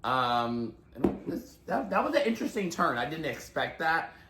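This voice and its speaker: Easygoing male co-host, lower voice, recaps scenes; roomy sound with light background hiss. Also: normal speed. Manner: even, agreeable, recapping. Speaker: podcast co-host. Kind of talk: casual gossip chat.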